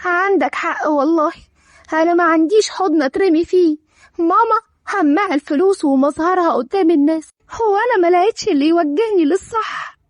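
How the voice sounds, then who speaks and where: A woman's voice: very high voice, fairly quick, dry recording. Woman voicing a bitter rebellious Egyptian girl. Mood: hurt. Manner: bitter and pleading. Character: rebellious, hurt young woman.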